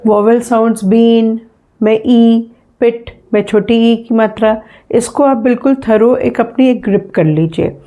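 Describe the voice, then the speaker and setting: Calm, mellow-voiced Hindi-speaking woman teacher. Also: a little high. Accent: Indian English. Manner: patient, repeats words slowly, asks "है ना". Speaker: English teacher. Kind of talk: phonetics revision lesson.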